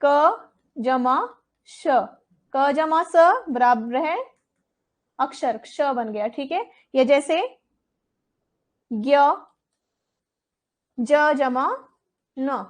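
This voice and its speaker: A woman with a high voice teaches an exam coaching lesson. She speaks slowly and repeats each term. She asks the class questions and then answers them herself. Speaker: Hindi teacher.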